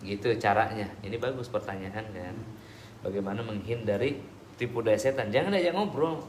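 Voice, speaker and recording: A man preaching and answering audience questions in a relaxed, conversational way with everyday examples. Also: fairly low pitch, brisk. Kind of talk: casual religious Q&A talk. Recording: echoey room with background noise.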